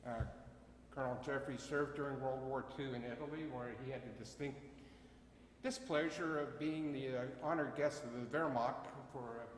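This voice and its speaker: A man from Bucks County, Pennsylvania, a CAP wing commander acting as emcee, delivers a ceremony address in a chapel. His loud, mid-range voice has fairly even intonation, yet he speaks haltingly with many uhs and self-corrections. The echoey chapel adds long reverb, and there's a little hiss or hum.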